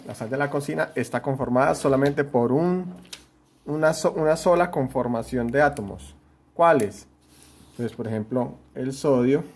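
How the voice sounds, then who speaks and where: A man's voice: medium pitch, a little mellow. Patient male teacher checking understanding. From Colombia. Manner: explains patiently, often checks understanding with "¿cierto?"; writes on a board while talking. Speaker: chemistry teacher. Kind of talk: home-school lesson at a whiteboard.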